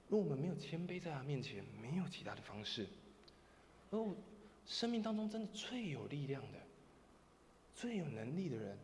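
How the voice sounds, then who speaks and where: A male pastor with a Taiwanese Mandarin accent preaching a sermon, telling a story and acting out its voices. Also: mid-range voice. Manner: animated storyteller who acts out voices. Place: church sanctuary. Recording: church hall reverb, faint background noise.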